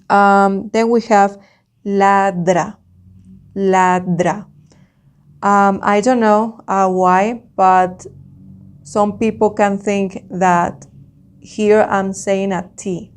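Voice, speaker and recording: Slow, deliberate Spanish-accented woman teacher. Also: medium pitch, darkish tone. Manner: slow, deliberate, repeats words and sounds for the learner. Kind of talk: slow language lesson with dictation words.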